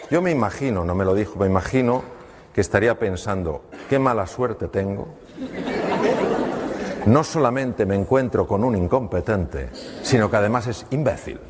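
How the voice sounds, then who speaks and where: A middle-aged man speaks as a doctor telling a story to an audience, taking on the voices of both people with pauses. His voice sits a little low. The sound carries a long hall reverb over faint room noise. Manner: lively anecdotes, acts out dialogue with pauses. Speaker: doctor giving a talk.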